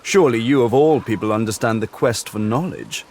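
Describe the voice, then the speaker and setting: A man's voice: medium pitch, darkish tone, a little hiss or hum, natural voice. A man playing a scheming scholar noble. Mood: eager. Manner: measured, grandiose speech. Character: scheming scholarly male noble, smooth and persuasive. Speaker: game character. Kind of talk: video game voice acting. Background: faint game music.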